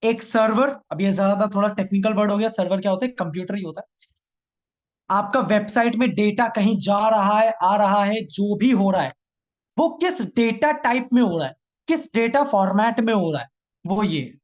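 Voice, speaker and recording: A man's voice: high voice, moderate pace. A man teaching a live online programming class, teasing his students and repeating each line twice.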